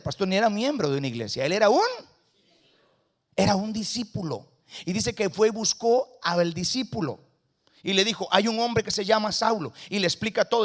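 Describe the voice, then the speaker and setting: Costa Rican male guest preacher, high pitch, call-and-response sermon in a church. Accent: Costa Rican Spanish. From Costa Rica. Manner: calls for congregation responses, shifts between loud and hushed. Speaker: guest pastor. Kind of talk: lively Spanish sermon. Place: church sanctuary.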